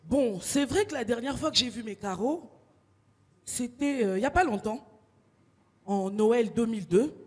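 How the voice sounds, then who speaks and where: A young woman from Congo doing stand-up comedy, telling stories in slangy animated bits. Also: on the high side, normal speed, pauses often, husky, big-room sound. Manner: animated storytelling, street slang.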